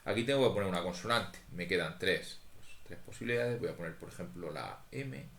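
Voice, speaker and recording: A very low-voiced man talks through a statistics exercise at an unhurried, methodical pace. His voice bounces around an echoey room. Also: expressive, gravelly, fairly bright tone, a little hiss or hum. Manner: methodical, thinks aloud, talks to students. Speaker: statistics teacher. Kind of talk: recorded lecture walking through exercises.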